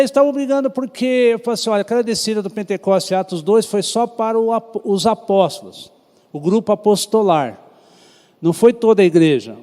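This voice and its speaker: A man with a Brazilian Portuguese accent, pastoring a Sunday school Bible class, talks with his students conversationally and keeps asking them questions. His voice is high and mellow, and the church hall gives it a long, echoing reverb.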